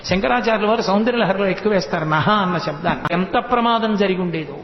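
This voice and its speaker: A man giving a devotional storytelling sermon, animated, chanting verses in a slow sing-song. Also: high voice. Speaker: religious discourse speaker. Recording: dull, echoey hall sound with faint noise.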